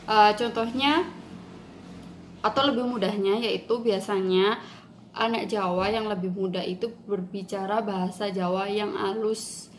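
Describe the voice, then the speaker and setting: Brief: young female student, mid-pitched, explanatory tone, faint hiss behind. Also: steady tone, a little slow. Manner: explanatory, acts out dialect examples. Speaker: student presenter. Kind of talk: recorded class presentation.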